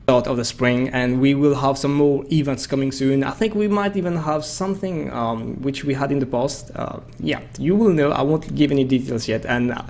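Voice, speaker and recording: A man's voice: mid-range voice, moderate pace, hardly any pauses, a little mellow. Chatty man commentating a game stream. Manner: chatty, hesitant with many fillers.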